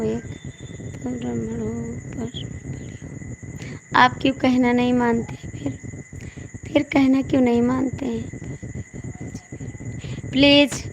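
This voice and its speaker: Hoarse, high-voiced woman pleading on a live stream. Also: background noise. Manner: pleading, coaxing, repeats requests. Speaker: folk singer hosting a live stream. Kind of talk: casual live-stream chat with viewers. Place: indoors at night with the power out.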